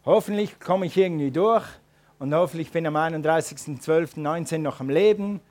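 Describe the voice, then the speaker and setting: A man's voice: on the high side, a little fast, a little mellow. A man preaching a sermon and calling his congregation to respond. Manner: preaching with rising emphatic calls to the congregation. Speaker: pastor.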